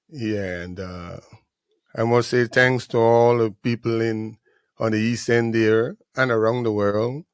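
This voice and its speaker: A middle-aged man, a musician guest speaking in an unhurried, devout and grateful way in a studio interview. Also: fairly low pitch, no room sound. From Guyana.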